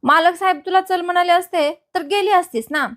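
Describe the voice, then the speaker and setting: A woman's voice: very high voice, fairly even intonation, fairly quick, a bit bright, pitched above the performer's own voice. A woman voicing a scheming young man in a retold serial, pushy and insistent. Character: scheming young man, a factory owner's brother.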